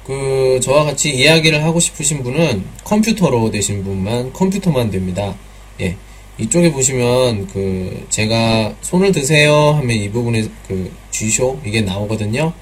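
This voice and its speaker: A man's voice: mid-range voice, moderate pace, husky. A man teaching pronunciation in a live online class, patiently repeating drill sounds and mixing in some Chinese words.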